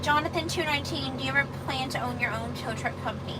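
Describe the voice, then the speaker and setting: Clear vehicle noise surrounds a woman with a high voice. She chats informally as a livestream co-host, talking to viewers in a casual, chatty way. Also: fast.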